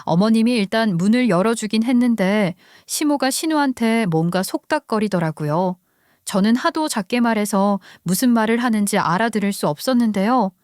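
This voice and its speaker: Woman narrator, first-person story, confiding, conversational, fairly high voice, dry close sound. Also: animated, moderate pace, a little mellow, no echo.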